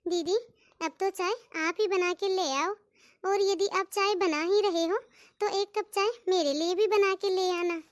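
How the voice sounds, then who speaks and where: Woman doing a jealous younger daughter-in-law, sarcastic, taunting, cartoon, very high voice. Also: fairly even intonation, measured pace, no echo, clean studio sound. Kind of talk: cartoon voice acting.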